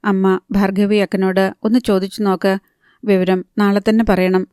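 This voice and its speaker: A woman narrator voicing a troubled young married woman, soft-spoken and then firm, in an even, clear reading voice. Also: mid-range voice, normal speed, dry recording, clean studio sound, close to an everyday voice.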